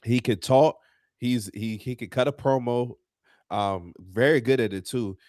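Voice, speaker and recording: A man's voice: mid-range voice, unhurried, darkish tone, no room sound, studio quality. A man co-hosting a wrestling podcast, talking casually and animatedly, full of slang and fillers, getting heated as he rants. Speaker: podcast co-host.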